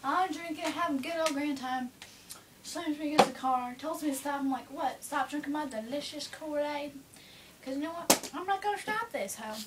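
A woman's voice: high-pitched, normal speed, lightly acted. A young woman playing a rowdy, drunk party animal who rambles and swears indignantly in an improvised comedy mock interview. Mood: indignant rambling. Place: small wood-panelled room indoors. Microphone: phone held across a table. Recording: noisy, distant phone-camera room recording.

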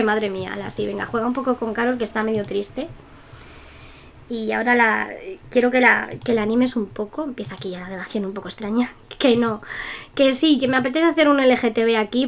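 Young spanish girl narrating her sims game, chatty and giggly, voice a bit on the high side. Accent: Spain Spanish. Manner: chatty, giggly, self-mocking asides. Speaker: gameplay youtuber. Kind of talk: casual game commentary.

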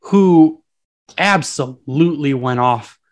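A man's voice: a little high, slow pace. A man co-hosting a podcast in a teasing, joking way. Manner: jokey, teasing. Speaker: podcast co-host. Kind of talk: casual podcast chat and ad read.

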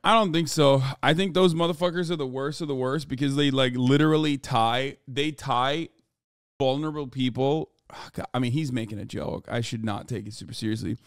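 A man's voice: mid-range voice, fairly quick, no echo, studio quality. A man streaming and reacting to a clip, heated and profane, now and then checking himself. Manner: heated, profane, self-correcting. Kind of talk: casual commentary.

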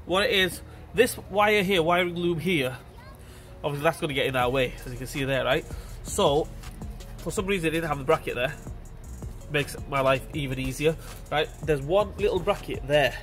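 Faint music runs under a mechanic's easygoing commentary as he repairs a car, with his phone held close to the engine. His stuffy-nosed voice is a little high and somewhat bright, at a normal pace, and he talks to viewers casually as "guys."

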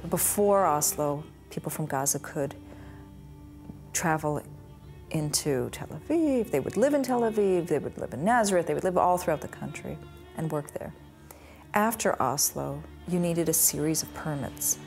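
A woman's voice: low-pitched, animated, normal speed, darkish tone. A middle-aged woman recalling her own life in a documentary interview, recorded indoors on a close mic. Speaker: lawyer interviewee. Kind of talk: documentary interview, personal recollection. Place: small indoor room with bookshelves. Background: music.

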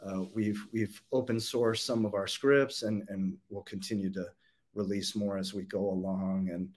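A man's voice: lowish voice, level tone, moderate pace, a little mellow. Casual young man giving a keynote. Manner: casual, many fillers and restarts. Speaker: company CEO giving a keynote. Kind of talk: conference presentation. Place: home or office room. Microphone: webcam video call.

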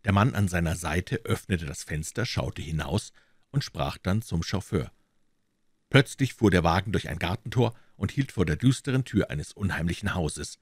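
A man reading a classic crime story aloud in a measured audiobook narration. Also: low-pitched, animated, breathy edge, no room sound, clean studio sound. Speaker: audiobook reader.

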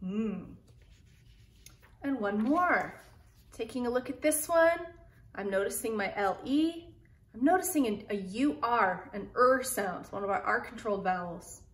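A woman teaching young children an early reading lesson, sounding out words slowly and clearly in an encouraging way. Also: a little high, lively intonation, roomy sound.

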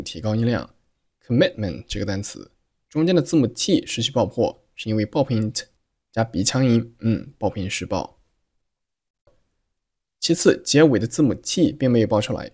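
Low-voiced man teaching English pronunciation. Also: darkish tone, breathy edge. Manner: patient, methodical, repeats example words slowly.

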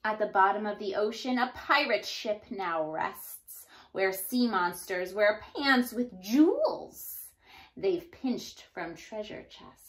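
A woman in her thirties giving an expressive storybook read-aloud for young children, like a teacher addressing her class. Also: medium pitch, slow. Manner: animated, addressing young children, sounding out rhymes. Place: small indoor room.

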